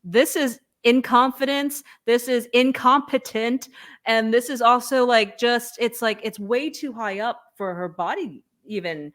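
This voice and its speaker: A woman's voice: on the high side, unhurried, fairly bright tone. A woman on a commentary panel, mocking and exclamatory, often laughing. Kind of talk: reaction commentary.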